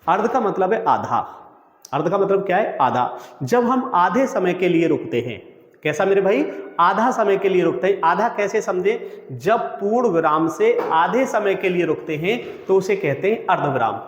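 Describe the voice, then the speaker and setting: A man with a slightly high voice teaches an exam coaching lesson. He poses each question and answers it himself, calling his listeners friends and brother. The recording sits in a room with a long reverb. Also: lively intonation, moderate pace.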